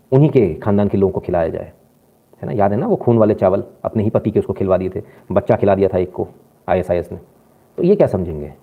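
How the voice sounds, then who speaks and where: Brief: fast, indignant male commentator lecturing viewers; lo-fi phone-line sound. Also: fairly low pitch. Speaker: news commentator. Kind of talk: opinionated news commentary.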